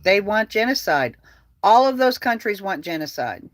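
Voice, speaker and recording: A heated political vlogger rants in a profane, repetitive way, circling back to the same complaints again and again. The voice sits at a middle pitch and sounds dry and close. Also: big pitch swings, normal speed, dry recording. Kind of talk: angry political rant.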